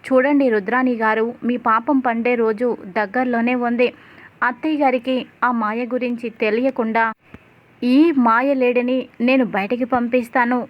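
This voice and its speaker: A woman's voice: fairly high pitch, level tone, moderate pace, lo-fi sound, natural voice. A woman voicing a determined young wife who speaks firmly and makes vows. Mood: defiant. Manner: firm, vowing.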